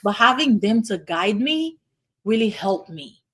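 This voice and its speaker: A woman's voice: mid-range voice, very animated, a little slow, fairly bright tone, husky. A middle-aged woman from Haiti, a hospital physician, answering interview questions in an earnest, explanatory way with frequent "you know"s. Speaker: guest, internal medicine hospitalist.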